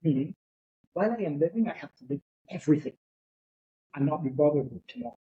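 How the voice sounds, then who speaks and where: A man's voice: fairly high pitch, animated, quick pace, mellow, muffled recording. A middle-aged man from Barbados, a podcast guest talking in a reflective, philosophical way in casual conversation.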